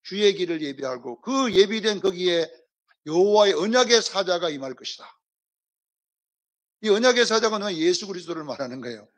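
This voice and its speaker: A man's voice: high voice, lively intonation, moderate pace. A male pastor preaching a sermon in church, emphatic, firing rhetorical questions and prompting the congregation. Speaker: senior pastor. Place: church service.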